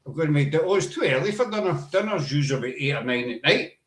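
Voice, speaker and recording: A Glaswegian man from Scotland hosts a podcast, his voice a little high, animated and rapid-fire. He chats casually, rambling through anecdotes packed with fillers, in an echoey room.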